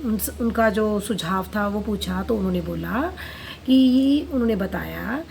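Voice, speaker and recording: A woman's voice: mid-range voice, measured pace, vocal fry, a little mellow, slight background noise, poor audio. A woman therapist telling the story of a client's past-life regression session, quoting the client and herself in turns.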